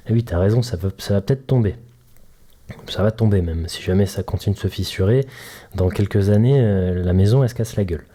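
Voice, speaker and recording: A man's voice: fairly low pitch, fairly quick, dark tone. A man hosting a casual solo podcast as a mobility coach, chatty and joking, explaining things to the listener through homely analogies. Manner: chatty, jokey, addresses listener directly with analogies.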